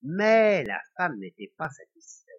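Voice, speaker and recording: A man narrating a folk tale in an expressive, dramatic reading. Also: a little high, unhurried. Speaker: storyteller. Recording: dull lo-fi recording.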